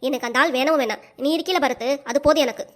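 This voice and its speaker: A woman voicing an angry mother and wife in a cartoon, scolding sharply and without pause. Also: high-pitched, natural voice. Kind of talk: cartoon voice acting.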